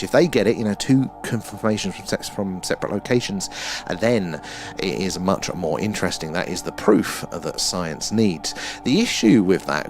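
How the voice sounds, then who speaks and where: Male stream host, Essex accent, low register, loose conversational delivery, music underneath. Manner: rambling, conversational, addresses viewers directly. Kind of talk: casual live stream chat and explaining.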